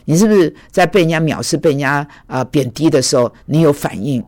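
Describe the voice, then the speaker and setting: A man's voice: on the high side, brisk, darkish tone, no echo, clean studio sound. A middle-aged man preaching a sermon in a reflective, hesitant way, with many filler sounds.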